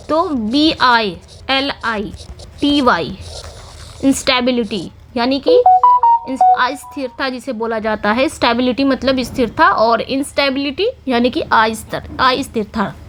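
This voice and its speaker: A woman's voice: high voice, fairly bright tone. A woman with an Indian accent teaching an exam-prep spelling lesson, explaining patiently and spelling words out letter by letter. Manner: explanatory, repeats words, many "theek hai" fillers. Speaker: English teacher.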